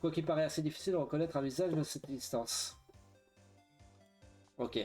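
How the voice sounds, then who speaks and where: A man's voice: a little high, normal speed, darkish tone, soft background music. A man playing a video game, reading its dialogue aloud with hesitant asides and frequent fillers. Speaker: let's play streamer.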